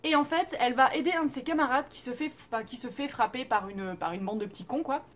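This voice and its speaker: A woman's voice: sits high, fast talker, fairly bright tone. A young woman hosting a casual vlog, chatting expressively about Korean dramas with playful asides. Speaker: YouTube host reviewing Korean dramas.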